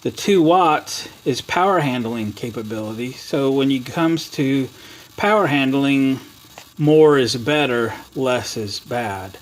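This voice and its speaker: Speaking slowly in a mid-range voice, an American man walks viewers through a repair in a how-to video. He keeps it casual and folksy, thinking out loud as he demonstrates, and background noise is clearly present.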